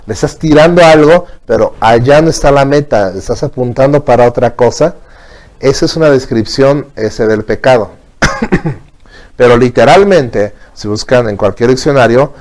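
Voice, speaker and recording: A man's voice: medium pitch, a little mellow. Man giving a patient religious lesson. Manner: explains patiently, asks "¿bien?" often. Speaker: teacher. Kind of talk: religious teaching.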